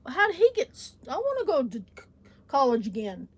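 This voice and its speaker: A woman's voice: high voice, wildly swooping pitch, a little fast. A woman co-hosting a travel vlog who chats casually, complaining and swearing about everyday troubles. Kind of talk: casual chat.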